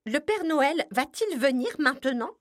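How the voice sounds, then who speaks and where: A woman doing an eager, high little reindeer. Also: unhurried, dry recording, studio quality. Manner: eager, excited.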